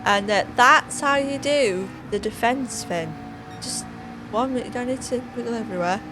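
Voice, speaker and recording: A woman's voice: fairly high pitch, moderate pace, over music. A woman hosting her channel, giving casual sim-race commentary with playful, self-mocking asides.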